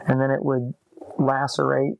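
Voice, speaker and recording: Speaking in a medium-pitched monotone with vocal fry, this man's recording has its highs cut off. In an interview at a desk upstairs in an apartment, the late-forties Massachusetts musician, voice scratchy, tells his life story in a calm, conversational way, slow and reflective with pauses.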